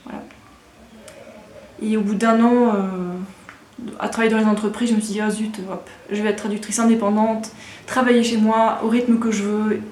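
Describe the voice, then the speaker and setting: A woman's voice: mid-range voice, flat delivery, normal speed, long pauses, darkish tone, roomy sound. A woman in her thirties from Alsace, chatting casually and frankly as a vlogger, rambling with lots of fillers and restarts. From Alsace, France. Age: 30s. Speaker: vlogger answering viewer questions. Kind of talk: casual chat.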